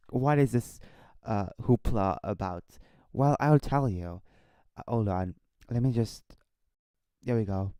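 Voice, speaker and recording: Man, deeper dark-toned voice, very dry close sound, casual online commentator, halting, repetitive, unscripted. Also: smooth, dry recording. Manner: halting, repetitive, stumbling over words. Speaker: online commentary video host.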